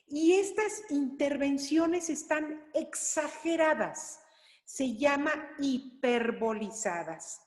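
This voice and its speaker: Slow-talking woman teaching Bible class, echoey. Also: high voice, expressive. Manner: slow, explanatory, with many fillers and restarts. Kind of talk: online lecture on scripture. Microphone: online class recording. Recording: roomy reverberant online class audio.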